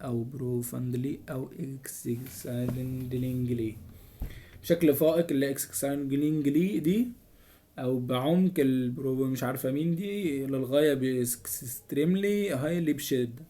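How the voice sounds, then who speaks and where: A man with an Egyptian Arabic accent, working through a lecture from slides as a student tutor. He reads out English terms haltingly and then translates each one. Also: mid-range voice, dark tone.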